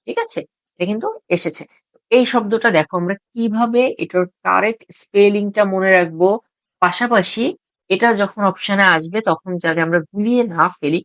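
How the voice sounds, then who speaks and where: Patient woman tutor spelling words slowly. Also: medium pitch, no echo. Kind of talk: online lesson for exam students.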